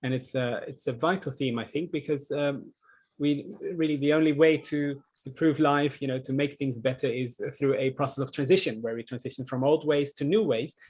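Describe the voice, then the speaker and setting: Presenter: a man from the Netherlands, in his thirties, thoughtful and a bit halting, on a conference call. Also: medium pitch, a little mellow, husky, low-quality recording. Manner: earnest, reflective, with frequent ums. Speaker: social enterprise founder presenting. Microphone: video call.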